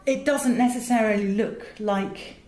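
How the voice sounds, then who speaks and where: In an echoey, roomy recording with faint music behind her, a middle-aged English voice director and radio producer tells stories as an interview guest. Her voice is on the high side and a little mellow, at a measured pace. She's chatty and articulate, prone to digressions.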